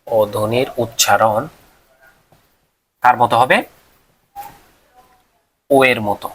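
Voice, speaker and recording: A man, teaching a class. He asks questions and answers them himself, and sounds out syllables slowly. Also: mid-range voice, fairly even intonation, fairly bright tone, slightly rough. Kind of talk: classroom lecture on pronunciation rules.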